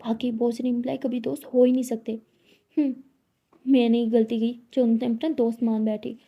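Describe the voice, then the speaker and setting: A woman's voice: fairly high pitch, level tone, dull audio. A woman voicing a touchy young secretary. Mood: hurt. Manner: quick to apologize and sulk.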